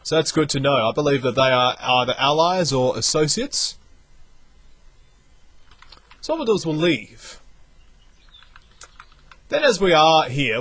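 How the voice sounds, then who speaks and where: A young man, not from the United States, commentating a video game as he plays, thinking out loud with lots of energy. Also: mid-range voice. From outside the United States. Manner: animated, thinks aloud while playing. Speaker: let's play commentator. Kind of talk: gameplay commentary.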